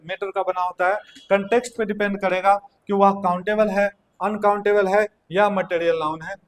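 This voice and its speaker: High-voiced male teacher. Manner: repeats key points, checks in with "theek hai". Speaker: English teacher. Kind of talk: classroom lecture.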